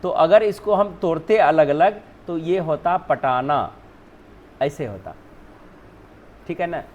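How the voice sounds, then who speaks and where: High-pitched guy teacher, hindi first language, keeps saying "right?" and answering his own questions. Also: measured pace, a little mellow. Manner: repeats "ठीक है ना", asks and answers own questions. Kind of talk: explaining spelling rules on a board.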